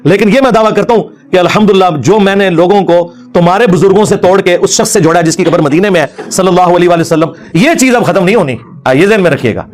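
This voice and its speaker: High-voiced mocking scholar. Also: male voice, hardly any pauses, a little mellow. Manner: mocking, laughs while arguing. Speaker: Islamic scholar. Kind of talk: religious lecture.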